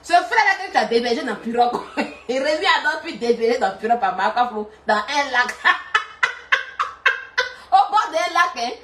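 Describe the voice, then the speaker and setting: Lady on a live stream, laughing a lot, high voice, echoey room. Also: a little fast, few pauses, a little hiss or hum. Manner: animated, laughing, urging viewers to send stars. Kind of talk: live stream gossip and chat.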